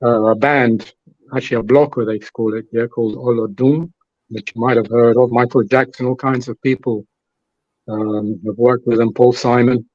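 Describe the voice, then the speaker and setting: A man telling a relaxed, rambling story over a video call. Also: medium pitch, moderate pace, no room sound, dull audio. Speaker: musician guest. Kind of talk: casual storytelling chat.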